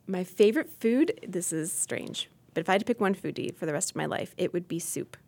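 Earnest woman with a gravelly low voice. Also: expressive, a little mellow. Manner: earnest, thoughtful, with frequent pauses and restarts. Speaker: podcast guest, incoming host. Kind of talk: faith podcast conversation.

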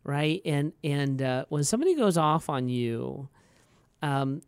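A middle-aged man co-hosting a podcast, chatting casually and telling animated stories with frequent restarts. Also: fairly high pitch, a little slow, smooth, dry recording, studio quality. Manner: animated storyteller who acts out quoted voices; frequent restarts and filler words. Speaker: podcast co-host.

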